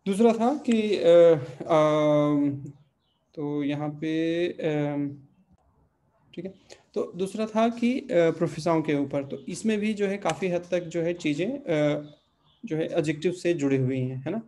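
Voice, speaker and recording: Patient teacher drilling word forms. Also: male voice, on the high side, dark tone. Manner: patient, repeats word forms slowly, checks in with "ठीक है". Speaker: Portuguese language teacher. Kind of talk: online language lesson.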